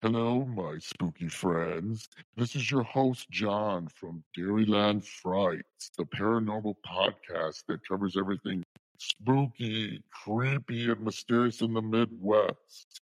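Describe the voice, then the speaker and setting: A man's voice: fairly low pitch, slow, no echo, voice pushed down, rough recording. A man putting on a spooky voice as a podcast host reading a promo, drawn out and theatrical. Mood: eerie.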